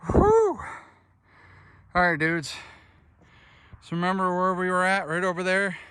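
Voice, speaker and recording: A man's voice: high voice, little pitch movement, normal speed, sharp tone, clear, resonant tone, dry recording. Winded man vlogging on a hilly walk. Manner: chatty, addresses viewers as friends and dudes. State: out of breath, winded. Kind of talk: casual walking vlog narration. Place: outdoors on a rural road.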